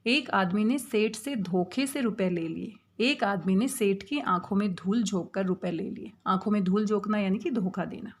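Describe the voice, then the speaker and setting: A woman's voice: mid-range voice, normal speed, hardly any pauses. A woman teaching Hindi grammar to young students, explaining patiently, asking questions and answering them herself. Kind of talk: exam-prep grammar lesson.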